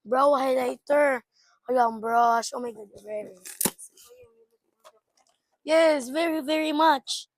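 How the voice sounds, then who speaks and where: A woman's voice: high voice, takes it slowly, long pauses, no room sound. A young woman vlogging casually as she unboxes, exclaiming often and mixing English with her own language. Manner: excitable, exclaiming, mixes English with local talk.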